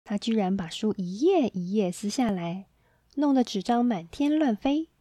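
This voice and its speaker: Woman reading a children's story, mellow tone. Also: mid-range voice, normal speed, no room sound. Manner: gentle, expressive reading to children.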